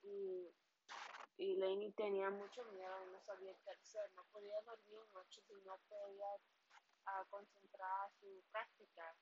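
A woman's voice: mid-range voice, measured pace. A woman casually retelling a story, hesitant, with fillers and restarts and English words slipped in. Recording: dull lo-fi recording with steady background noise.

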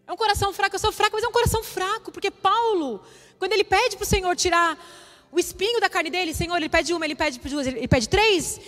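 A woman's voice: extremely high pitch, quick pace. A woman preaching a sermon, sharing a personal testimony with emotional, emphatic repetition. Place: church hall. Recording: reverberant hall with soft music.

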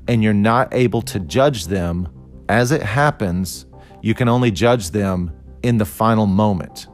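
A man in his forties talks through a philosophy lesson in a low, unhurried voice, thinking aloud with small restarts and fillers. A faint musical bed sits under the talk. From Costa Rica. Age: 40s. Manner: thoughtful, conversational, with fillers and restarts. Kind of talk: explanatory lecture on philosophy.

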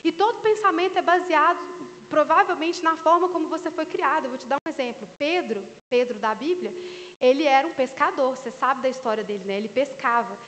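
A woman preacher giving a sermon in a relaxed, joking, conversational way at a church service. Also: high-pitched, fairly quick. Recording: long reverb in a large hall.

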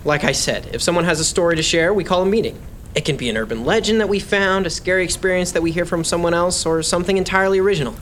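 A man's voice: high-pitched, fast talker, a bit bright. A young man acts an earnest teenage boy who speaks to reassure his friends. The drama delivery is natural and everyday. Faint ambient noise runs behind him. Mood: hesitant, sincere.

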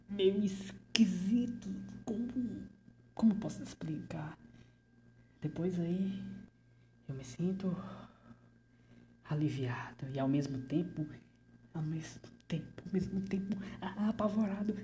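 A woman's voice: mid-range voice, mellow, slight background noise. A woman playing a frightened stammering male artist. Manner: stammering, nervous, slips into whispers. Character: frightened male artist under interrogation, rambling. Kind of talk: theatrical monologue.

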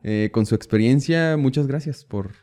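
A man's voice: medium pitch, normal speed, warm tone. A man hosting a podcast interview, speaking in a casual, hesitant way with many fillers. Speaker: podcast host.

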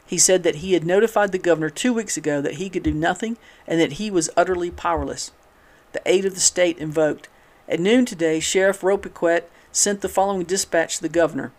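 A man with a fairly high voice reads a nineteenth-century newspaper report aloud. He keeps a steady, measured pace through the long sentences and sometimes restarts a word. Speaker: reader of a historical newspaper. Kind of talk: reading a newspaper article aloud.

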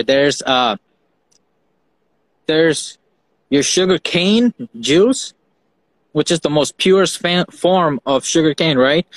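Rambling man from Fiji, higher voice. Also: no room sound, low-quality recording. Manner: rambling, repeats words, swears casually. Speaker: host. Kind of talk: casual chat.

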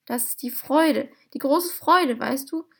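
A woman voicing a small, excitable bald male inventor who talks in an effusive, polite way. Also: on the high side, normal speed, vocal fry. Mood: overjoyed.

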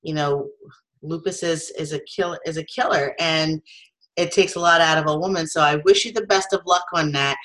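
A woman's voice: low-pitched, steady tone, normal speed, fairly bright tone, poor audio. A woman host and photographer interviewing a guest in a friendly, opinionated way. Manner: friendly, laughs easily, opinionated. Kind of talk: casual interview chat.

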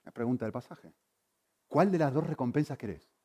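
A man preaching a sermon, swinging between loud emphasis and quiet, intense asides. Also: mid-range voice, lively intonation, fairly quick. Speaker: pastor.

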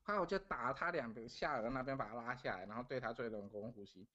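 The recording is muffled, but this middle-aged Taiwanese man's medium-pitched voice comes through bright and forceful at a quick pace. Guesting on a podcast, he tells a story earnestly and casually, repeating phrases throughout.

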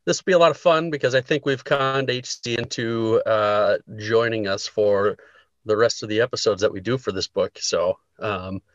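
A man's voice: lowish voice, moderate pace, a bit bright, no echo. A man co-hosting a book podcast, talking casually and hesitantly with many ums and restarts. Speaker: podcast co-host. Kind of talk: casual chat. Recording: dull, lo-fi, dry sound.

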